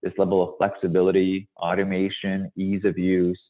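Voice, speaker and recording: On a webinar, a guest presenter in his forties who founded a company presents and fields questions. He was born in Hungary and moved to the US as a child; his low voice stays monotone while he explains in a measured, emphatic manner over thin, phone-like audio.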